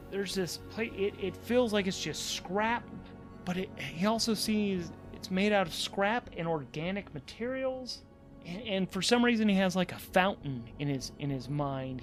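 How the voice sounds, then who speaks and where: A man with a high voice acts as game master for a solo tabletop role-playing game, narrating as he goes. He improvises haltingly and often repeats words.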